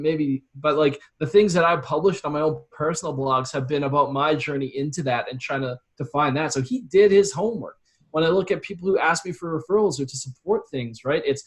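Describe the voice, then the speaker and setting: A man from Calgary, Canada, guests on a casual interview, earnestly explaining his points and regularly acting out example quotes. He has a fairly high pitch and works as a copywriter and consultant.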